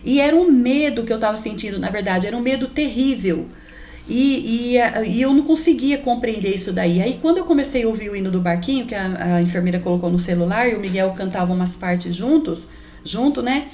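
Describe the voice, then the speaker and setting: A woman's voice: medium pitch, expressive, a little fast, darkish tone. A woman giving an emotional faith testimony as a mother, fervently addressing listeners as brothers. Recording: roomy echoey recording.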